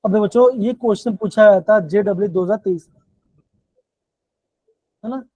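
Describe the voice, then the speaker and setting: A man's voice: moderate pace, darkish tone, no echo. A male chemistry teacher with a Himachali Hindi accent, giving a live online class and repeating his questions to the students over and over. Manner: repetitive, keeps calling the students "बच्चों". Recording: dull, dry low-fi online class audio.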